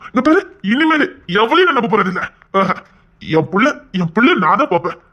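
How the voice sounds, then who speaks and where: A fond, protective father speaks tenderly to his child in an audio drama, strained and confused by his lost memories. His voice sits fairly high, and the recording sounds dull and lo-fi. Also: big pitch swings, brisk, sharp tone, exaggerated voice. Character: doting father troubled by headaches and lost memories. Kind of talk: Tamil audio drama acting.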